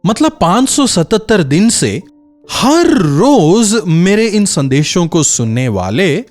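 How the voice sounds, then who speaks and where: Animated high-voiced male preacher. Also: slow, soft background music. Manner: expressive preaching, rhetorical questions to listeners. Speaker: pastor. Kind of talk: daily devotional sermon.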